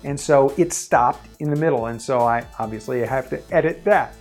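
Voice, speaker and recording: A man's voice: mid-range voice, moderate pace, faint music behind. Casual man giving video tips. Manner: conversational and plain-spoken, with occasional fillers. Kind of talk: casual on-camera tutorial. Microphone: self-recorded on his own camera.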